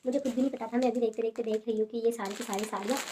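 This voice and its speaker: A young woman talking softly and casually at home, showing sarees in a haul video with many fillers. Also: fairly high pitch, fairly even intonation, racing, noisy background. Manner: soft, hushed talk with many fillers. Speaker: fashion vlogger showing sarees. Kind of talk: casual product haul chat.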